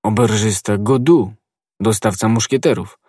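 A man's voice: lowish voice, moderate pace, darkish tone, dry recording, studio quality, lightly acted. A man voicing a young, hot-blooded musketeer who speaks urgently and emphatically. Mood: earnest.

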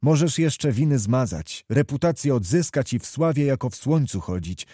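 A man playing a calm, admonishing old soldier. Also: mid-range voice, dry recording, studio quality, natural voice. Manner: measured, admonishing. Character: seasoned male officer, calm, moralizing, steady. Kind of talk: audiobook character reading.

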